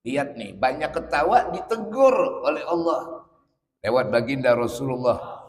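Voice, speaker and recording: A man's voice: mid-range voice, big pitch swings, a little slow, in a large hall. A man teaching a religious lesson. He reads Arabic lines from the book, then explains them with playful everyday examples. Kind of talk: kitab study lesson.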